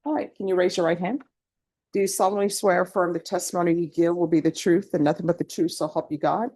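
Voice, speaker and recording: A woman's voice: lowish voice, steady tone, quick pace, darkish tone. An American woman speaking as a judge in a courtroom, putting formal procedural questions.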